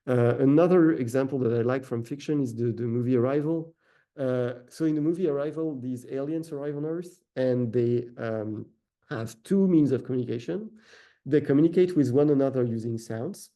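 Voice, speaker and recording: A man speaking at a moderate pace in a warm, medium-pitched voice gives a research talk. French is his first language and his accent shows it. He uses many "uh" fillers and frequently corrects himself.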